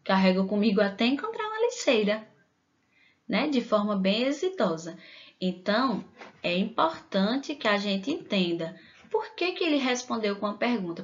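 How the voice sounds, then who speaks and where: A Brazilian woman teaching a video lesson to young children, slow and encouraging. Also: on the high side, dull audio. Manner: warm, encouraging, slow and drawn-out teacher talk. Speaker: primary school teacher.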